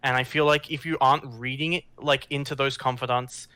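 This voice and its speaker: A man's voice: medium pitch, fairly even intonation, brisk, pushed and bright, clear, resonant tone, dry recording. A man in casual debate chat, talking in a rambling way and correcting himself as he goes. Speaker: podcast co-host.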